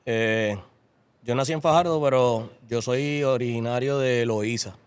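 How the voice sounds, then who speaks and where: Middle-aged Puerto Rican man, interview guest, relaxed, repeats himself, smooth voice. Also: medium pitch, a little slow. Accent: Puerto Rican Spanish. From Puerto Rico. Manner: repeats phrases, relaxed and thankful. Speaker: interview guest, horse breeder. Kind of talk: casual interview.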